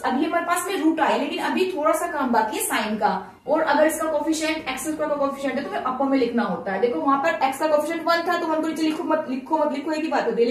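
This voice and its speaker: Woman maths teacher working at the board, high voice, big echo, mic kinda far off. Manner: explains step by step, quizzing students with questions. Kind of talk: whiteboard maths lesson. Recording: very echoey room, voice from off-mic.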